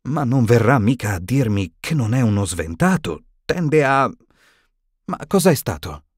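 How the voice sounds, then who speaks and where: A man voicing a stern elderly female professor in an audiobook, higher and tremulous, shaken and indignant. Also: big pitch swings, unhurried, no room sound, clean studio sound. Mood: uneasy.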